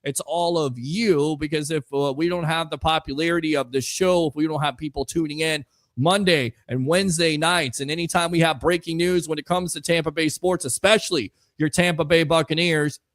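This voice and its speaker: Energetic male sports-stream host. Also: a little high, fairly quick, no echo, studio quality. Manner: energetic, hype shout-outs to chat. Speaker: livestream sports show host. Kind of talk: casual live-stream chat.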